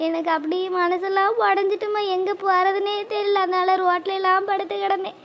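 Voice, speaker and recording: A woman's voice: very high voice, steady tone, fast, dull audio. A woman voicing a distraught young woman in a cartoon, speaking tearfully and pleadingly. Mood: weeping. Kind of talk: cartoon voice acting.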